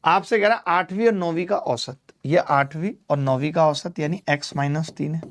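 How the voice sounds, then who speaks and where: A man's voice: fairly high pitch, normal speed. Male maths tutor for a live class. Chatty, teases students by name, explains step by step. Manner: explains step by step, repeats key numbers. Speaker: maths teacher.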